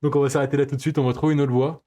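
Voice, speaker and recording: A man's voice: medium pitch, level tone, racing, warm tone. A man streaming himself playing a game, commenting in a playful, joking way and laughing often. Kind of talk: let's play commentary.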